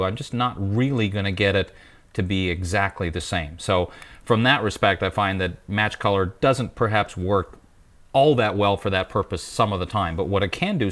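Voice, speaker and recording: A man presenting a software tutorial in a calm, explanatory way, with small restarts. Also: fairly low pitch. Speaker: guest presenter.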